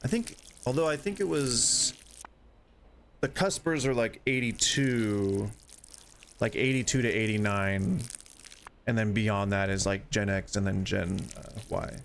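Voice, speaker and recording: A man in his 40s streams gameplay and chats in a rambling, self-deprecating way, joking about his age. His voice is fairly low and a little slow, with slight background noise.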